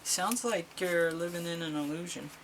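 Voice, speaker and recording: A woman's voice: on the low side, moderate pace, noisy background. A middle-aged woman doing a casual tarot reading, chatty and exclamatory as she reads card meanings aloud. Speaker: tarot reader.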